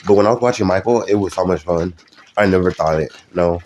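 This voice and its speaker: Low-voiced young man chatting on a live stream. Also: quick pace, darkish tone. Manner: rambling, hesitant, many fillers and restarts. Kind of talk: casual live-stream chat with viewers.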